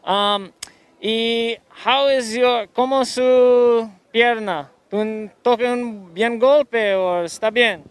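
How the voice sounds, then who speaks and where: A man's voice: extremely high pitch, fairly even intonation, slow, clean tone, dry recording. A man working as an informal sideline reporter outdoors, interviewing an athlete and summarizing the answers. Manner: informal, switches languages. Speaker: beachside sports reporter and interviewer. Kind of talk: live post-heat interview, informal interpreting. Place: outdoors at a surf contest.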